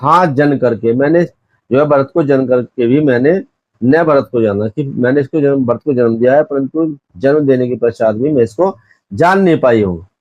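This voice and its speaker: A male teacher who reads lines of verse slowly, then paraphrases them and asks the class questions about figures of speech. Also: medium pitch, dry recording, dull audio. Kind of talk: line-by-line explanation of a Hindi poem for exam students.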